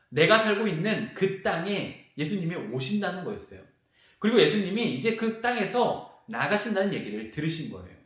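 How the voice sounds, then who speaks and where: A male youth pastor preaching a sermon to teenagers, telling the story with animated energy and acting out the voices of the crowd and the beggar. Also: on the high side. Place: large church sanctuary. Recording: very echoey church hall.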